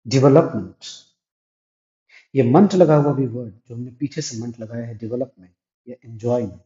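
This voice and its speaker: This grammar teacher has a medium-pitched, dark voice and speaks at a moderate pace. In a classroom-style English lesson, he proceeds step by step, asking questions and supplying the answers, while the echoey room yields a dull, lo-fi recording.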